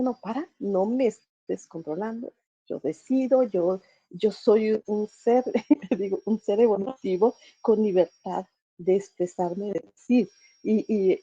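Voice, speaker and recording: A middle-aged woman, sharing her experience in a group talk, halting and searching for words. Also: medium pitch, mellow, no echo, highs cut off. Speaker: talk participant.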